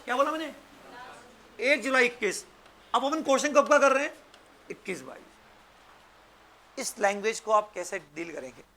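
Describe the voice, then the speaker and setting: Male lecturer, strikingly high and bright voice, teaching through quick-fire questions. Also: a little hiss or hum. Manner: quizzing students with frequent short questions. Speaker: accountancy and tax teacher. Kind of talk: interactive lecture.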